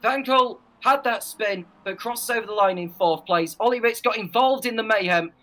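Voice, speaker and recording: A man's voice: high-pitched, moderate pace, sharp tone. A man doing live race commentary as a motorsport commentator working alongside a partner.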